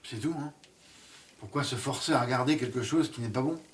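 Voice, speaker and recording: A man's voice: medium pitch, a little fast, distant mic, slight background noise. A man giving a casual spoken series review, hesitant and full of fillers and restarts.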